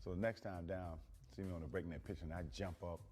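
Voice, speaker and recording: A man's voice: low voice, fairly even intonation, a little fast, a little mellow, faint music behind. A man who played pro basketball, telling an emphatic story in an interview. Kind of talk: interview anecdote.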